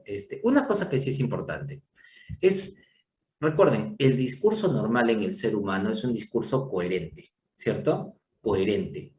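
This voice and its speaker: A man's voice: mid-range voice, a little mellow. Man lecturing in an echoey room. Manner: explanatory, checks in with frequent rhetorical questions. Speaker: psychiatry lecturer. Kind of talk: university lecture. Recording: echoey room, distant mic, faint noise.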